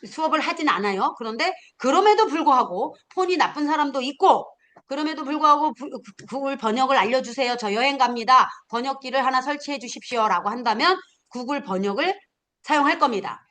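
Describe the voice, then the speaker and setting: A middle-aged woman teaching a class of future smartphone instructors, animated, acting out learners and firing off questions. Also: sits high, brisk. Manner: animated, acts out learners and scolding, punchy questions. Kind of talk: lively classroom lecture.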